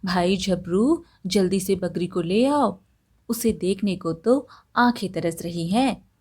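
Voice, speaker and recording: A woman's voice: medium pitch, animated, takes it slowly, darkish tone. A woman doing a sly young village man. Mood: teasing.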